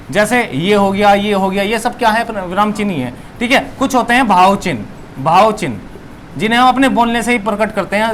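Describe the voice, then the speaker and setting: A young man with a high voice teaches a lesson, repeating each key term and posing questions he answers himself. There is a faint hiss of room noise behind him. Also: fairly bright tone. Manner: repeats key words, asks and answers his own questions. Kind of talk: classroom lesson.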